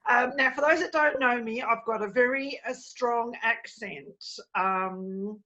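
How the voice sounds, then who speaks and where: A woman's voice: on the high side, unhurried, sharp tone, highs cut off. A middle-aged woman with an Australian accent doing a brash, swearing, self-mocking stand-up set from her home over a video call. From England. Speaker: stand-up comedian.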